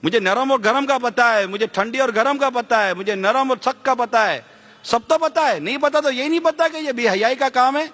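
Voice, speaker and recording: A man's voice: very high voice, fairly bright tone, big-room sound. A man preaching with passion to an audience, firing rhetorical questions at them and slipping English words into his speech. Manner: fiery rhetorical questions to the listeners. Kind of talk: impassioned sermon.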